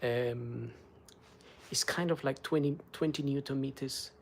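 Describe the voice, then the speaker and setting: A middle-aged car maintenance vlogger, whose first language is Spanish, services a car step by step while chatting with live chat viewers. His mid-range voice is unhurried with vocal fry, and he's chatty and relaxed. A little hiss or hum sits under the audio.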